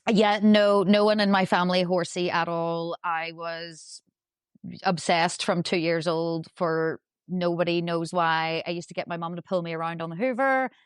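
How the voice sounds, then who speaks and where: A middle-aged woman from Northern Ireland, a dressage rider with a Northern Irish accent, chats as a guest on a podcast. Her lowish voice is clear and resonant, with fairly even intonation and normal speed, recorded in a clean studio with no room sound. She's chatty and self-deprecating, laughing plenty.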